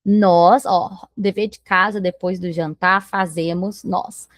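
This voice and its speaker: Lady english teacher, talks slow, stretches out example sentences, dry mic. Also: on the low side, steady tone, no echo. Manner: slow, drawn-out model pronunciations; explaining in Portuguese, modeling English phrases. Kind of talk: language lesson.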